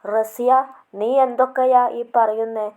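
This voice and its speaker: A woman reading a story aloud, voicing a steady middle-aged father who reasons and mildly scolds. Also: a little high, a little slow, natural voice. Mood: reasoning.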